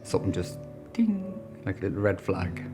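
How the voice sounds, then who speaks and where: An Irish man with a deep, low voice tells his own story in a documentary interview, reflective and candid. Music plays clearly behind him. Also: sing-song, normal speed. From Ireland.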